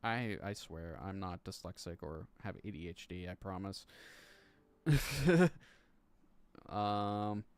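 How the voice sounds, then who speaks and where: A man's voice: low voice, animated, slow, long pauses, no echo. A man in his thirties chatting casually on a live stream, rambling and swearing, laughing between lines and stumbling as he reads legal text aloud. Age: 30s. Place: home room.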